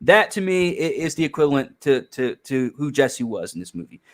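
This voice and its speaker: A podcast host leads a casual film review chat, speaking emphatically and rambling, with frequent restarts and swearing. His voice is medium in pitch with big swings, at a normal speed.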